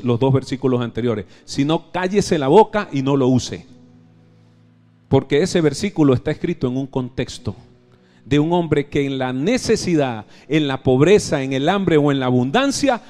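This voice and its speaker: A man with a Venezuelan accent preaching a live church sermon, emphatic, firing questions at the congregation and swinging from loud exclamations to soft low asides. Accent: Venezuelan Spanish. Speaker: pastor. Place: church service.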